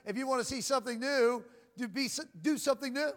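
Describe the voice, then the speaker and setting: Speaking quickly in a very high voice, this preacher works his loud sermon up to a shout, tripping over and repeating words and calling out "Amen?" to the congregation again and again. Long church reverb surrounds him, and music plays faintly behind.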